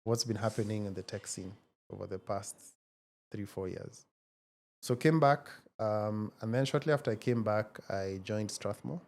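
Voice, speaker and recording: A man in his forties, speaking as an interview guest in a measured, reflective way with frequent hesitations. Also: fairly low pitch, vocal fry, a little mellow. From Kenya. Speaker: guest, tech founder. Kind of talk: casual interview conversation.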